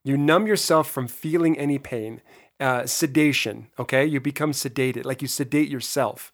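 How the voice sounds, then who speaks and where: Hoarse man hosting a motivational podcast. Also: medium pitch, normal speed. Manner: earnest, emphatic, addresses listeners directly. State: hoarse voice from being run down. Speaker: podcast host.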